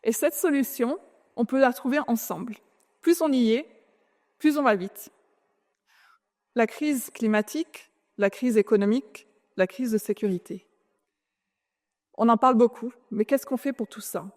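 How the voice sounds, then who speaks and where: A woman's voice: fairly high pitch, measured pace, pauses often, darkish tone. A woman from France giving a conference talk to an audience, friendly and a little hesitant, often putting questions to the room. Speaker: invited speaker. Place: large event hall. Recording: long reverb of a large hall.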